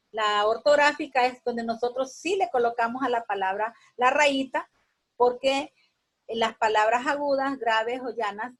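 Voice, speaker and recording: A woman teacher giving a slow, explanatory grammar lesson, repeating words and checking in with her students. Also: on the high side.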